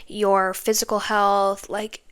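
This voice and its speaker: A woman's voice: mid-range voice, flat delivery, takes it slowly, clean tone. A young woman hosting a podcast, venting in a casual monologue full of fillers and exasperated asides. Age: young adult. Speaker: podcast host.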